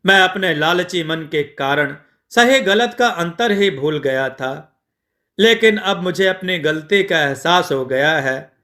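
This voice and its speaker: A man's voice: fairly high pitch, animated, slow pace, sharp tone, exaggerated voice. A man playing a fretful greedy moneylender. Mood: remorseful. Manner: fretful, pleading, then remorseful. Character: greedy middle-aged male moneylender, anxious.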